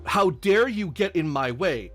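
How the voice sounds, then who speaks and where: A man's voice: high voice, expressive, unhurried, fairly bright tone, soft background music, pitched above the performer's own voice, exaggerated voice. A man voicing a haughty, indignant woman paladin in a tabletop game. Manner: indignant, imperious.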